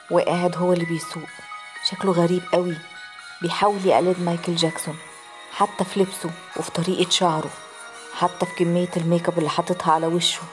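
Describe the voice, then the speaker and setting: A woman with an Egyptian Arabic accent narrating a scripted first-person horror story at a brisk pace, with loud music under her voice. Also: lowish voice.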